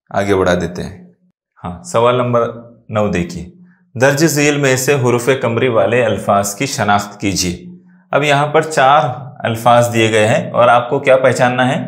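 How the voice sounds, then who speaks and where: Male teacher with an Urdu accent, mid-pitched, patient, quizzes then answers his own questions, roomy echo. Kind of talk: exam-prep grammar lesson.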